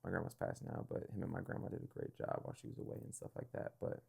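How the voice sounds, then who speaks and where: A young podcast host runs a casual interview in a deep, creaky voice with a breathy edge. Relaxed and thoughtful, he often affirms with quick "yeah"s and pauses with fillers.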